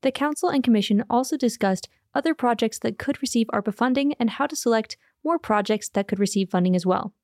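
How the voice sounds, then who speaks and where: A woman reporter reads scripted local news with an even delivery. Her voice sits a little high. The sound is dry. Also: fairly quick, hardly any pauses, no room sound.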